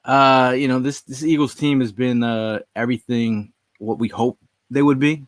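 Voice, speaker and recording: A man co-hosts a sports podcast, his medium-pitched voice fairly even in intonation at normal speed, with no room sound. The talk is casual and rambling, relaxed, peppered with frequent "you know"s.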